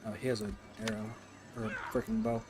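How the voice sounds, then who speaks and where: A man live-streaming a game, chatting casually with lots of fillers like "like" and "you know", and breaking into loud, excited reactions during fights. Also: lowish voice, fast talker, over music. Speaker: streamer playing a game for the first time.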